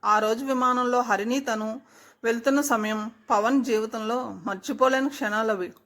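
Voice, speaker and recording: A woman storyteller narrating a story in a steady, expressive reading voice. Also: fairly high pitch, normal speed.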